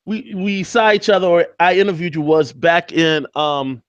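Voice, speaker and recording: A man hosting a casual live-stream interview over a video call, his audio choppy and lo-fi from a bad connection, talking in a halting way with many fillers. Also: on the high side, smooth, dry recording. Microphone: video call from a backup laptop.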